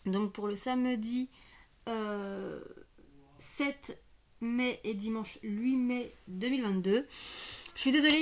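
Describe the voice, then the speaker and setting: A woman with a slight lisp on her s sounds, giving a casual card reading and thinking aloud as she goes, often hesitant. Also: fairly high pitch. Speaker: online card reader hosting weekend guidance. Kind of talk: casual spoken tarot reading.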